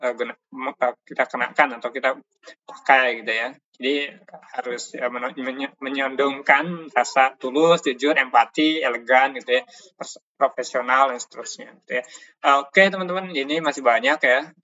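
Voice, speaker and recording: A male instructor walks through his slides, stopping often to search for words and restart his sentences. His voice is bright and forceful. The recording sounds dull and lo-fi. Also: mid-range voice. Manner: halting, many fillers and restarts. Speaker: course instructor. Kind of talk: talking through presentation slides.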